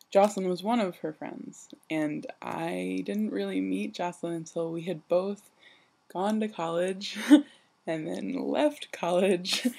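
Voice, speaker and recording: Young woman, just-woke-up sound, creaky vocal fry, soft mellow tone, husky, halting casual vlog rambling. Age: young adult. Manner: just woke up, low-key and sleepy; rambling, halting, self-deprecating. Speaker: vlogger. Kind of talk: casual personal vlog monologue.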